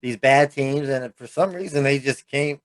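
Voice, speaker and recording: A man's voice: mid-range voice, moderate pace, dry recording. A man co-hosting a fantasy football podcast, talking in a laid-back, hesitant way and laughing easily. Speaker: podcast co-host. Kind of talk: casual sports chat.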